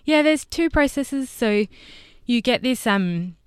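Clear-voiced young woman explaining science. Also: a little high, lively intonation, takes it slowly, dry recording, clean studio sound. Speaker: guest scientist, PhD candidate and fellow show host. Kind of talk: spontaneous explanatory interview talk.

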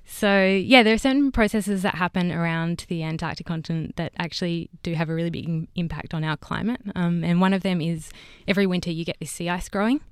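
A woman's voice: on the low side, fairly even intonation, fairly quick, hardly any pauses, clear, resonant tone, no room sound, studio quality. A young woman, explaining science informally as an interview guest. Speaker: guest scientist, PhD candidate and fellow show host. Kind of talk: spontaneous explanatory interview talk.

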